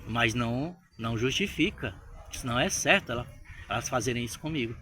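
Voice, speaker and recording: A Brazilian man telling a story to his viewers in a casual vlog, animated and chatty, often checking in with them. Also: medium pitch, brisk. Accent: Brazilian Portuguese. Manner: animated, addresses viewers directly with frequent tag questions. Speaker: English-learning vlogger.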